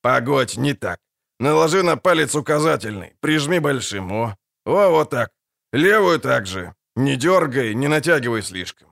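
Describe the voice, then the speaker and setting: A man voicing a grumpy, foul-mouthed dwarf wagon driver in an audiobook, gruff and barking. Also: medium pitch, animated, normal speed, a bit bright, dry recording, clean studio sound. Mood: grumbling. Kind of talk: audiobook character voice.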